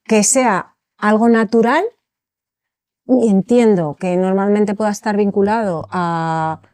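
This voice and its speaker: Woman interviewer, warm mellow voice, hesitant long questions, dry sound. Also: mid-range voice, slow, no room sound. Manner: hesitant, many fillers, builds long questions. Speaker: interview host.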